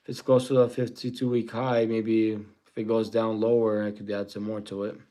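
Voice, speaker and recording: A man's voice: lowish voice, flat delivery, normal speed, mellow. A man in his forties, born in Russia and raised in the US, chatting casually on a trading livestream, rambling and thanking viewers with frequent chuckles. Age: 40s.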